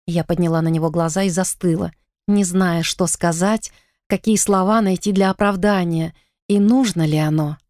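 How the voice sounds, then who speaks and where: A woman giving steady first-person audiobook narration. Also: fairly low pitch, moderate pace, dry recording, studio quality.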